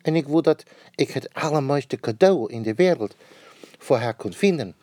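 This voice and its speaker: A man's voice: mid-range voice, normal speed, no echo, clean studio sound, voice pushed up, lightly acted. A man reading aloud, voicing an eager, earnest little male bear cub in a children's storybook. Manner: earnest, wishful, excited.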